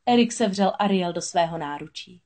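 Woman reading a storybook aloud. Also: lowish voice. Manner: steady, expressive reading. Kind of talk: storybook read-aloud narration.

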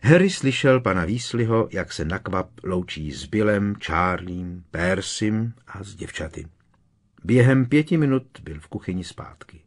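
Husky low-voiced male audiobook reader. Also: expressive. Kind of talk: scripted narration.

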